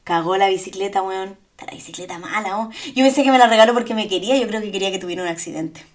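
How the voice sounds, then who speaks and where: A young Chilean woman co-hosting a podcast, telling stories in a lively, slangy, laughing way. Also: mid-range voice, fast talker. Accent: Chilean Spanish. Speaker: podcast co-host. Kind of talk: casual chat.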